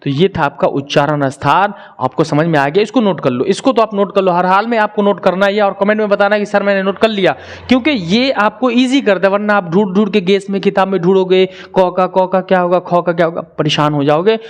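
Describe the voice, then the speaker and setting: A young man teaching a grammar lesson, drawing out syllables slowly and asking viewers to answer in the comments. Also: high-pitched. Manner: drills sounds slowly, repeating syllables.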